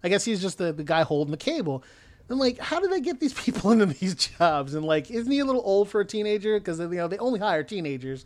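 A man's voice: high voice, big pitch swings, fast talker, no echo. A man co-hosting a podcast, retelling a movie plot in a rambling, hesitant way with frequent laughs. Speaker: podcast co-host. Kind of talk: casual movie recap chat.

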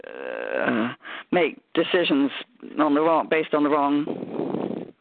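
A man's voice: on the high side, huge pitch swings, slow, vocal fry, background noise. Chatty man on a tinny phone line. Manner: rambling, chatty. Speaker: call participant. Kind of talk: casual group call chat.

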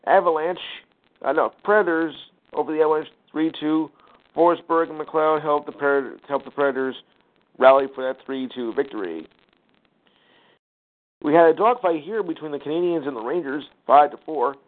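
A man hosting a sports talk show, reading out scores and standings with casual asides and lots of fillers. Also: a little high. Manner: rattles off numbers with fillers, sighs and quick asides. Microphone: phone call line. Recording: tinny phone-line audio.

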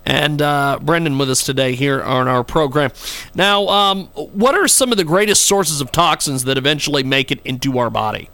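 Gravelly, bright-voiced man hosting live. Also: fairly high pitch, moderate pace. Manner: joking, sarcastic about technical trouble. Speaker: radio show host. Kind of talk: casual live broadcast talk.

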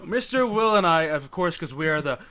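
Bright, excitable young man. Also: fairly high pitch, normal speed. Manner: excitable, jokey, laughs a lot. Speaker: podcast host. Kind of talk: casual gaming chat.

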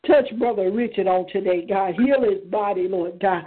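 A woman's voice: medium pitch, normal speed. A woman leading a fervent spontaneous prayer in a rhythmic chant, punctuating every phrase with "Lord God". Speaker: prayer leader on a prayer line. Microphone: phone. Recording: tinny phone line.

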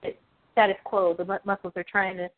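A woman's voice: medium pitch, level tone, brisk, no room sound. A woman chatting casually on a group call, rambling with many likes and you knows. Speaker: group discussion member. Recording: tinny phone-like call audio.

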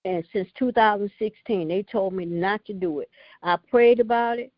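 A woman's voice: medium pitch, moderate pace, no room sound. Older woman, fervent prayer and testimony, repeats "Lord" constantly, dry close sound, muffled phone line. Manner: fervent, repeats "Lord" after nearly every phrase, colloquial. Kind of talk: spoken prayer and praise testimony.

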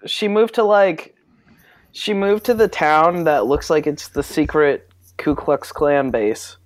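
A man chatting on a podcast, cracking provocative jokes. His voice rides a little higher than most men's. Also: slow pace, no echo. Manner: joking, provocative. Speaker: podcast co-host. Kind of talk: casual chat.

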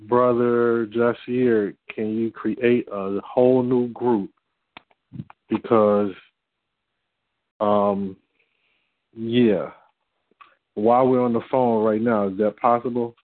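A man leading a church group's conference call over the phone, talking haltingly with many fillers and restarts. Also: mid-range voice. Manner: hesitant, full of fillers and restarts. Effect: heard over a phone line. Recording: tinny dry phone line.

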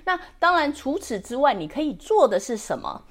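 A woman's voice: high voice, big pitch swings, normal speed. A woman in her forties hosting a podcast, giving casual advice in a chatty way. She often checks in with the listener and drops English words into her speech. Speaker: podcast host.

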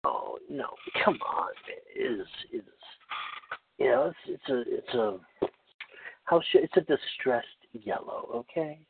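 A man rambling through a humorous casual chat, wry and halting, often cutting himself off mid-thought. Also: mid-range voice, wildly swooping pitch, creaky, narrow, tinny audio, slight background noise. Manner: halting, self-interrupting, wry.

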